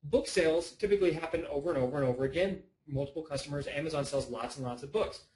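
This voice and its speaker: A man's voice: fairly high pitch, fast, darkish tone, poor audio. A man presenting a casual online lesson, chatty and rambling, often breaking off on side notes. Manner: rambling, chatty, self-interrupting.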